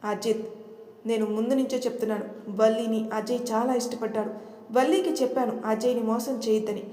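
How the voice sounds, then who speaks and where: A woman's voice: a little high, steady tone, a little fast, dark tone, natural voice. A woman voicing an anguished, righteous young married man in an audio story. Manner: emotional, pleading. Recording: echoey room with long reverb.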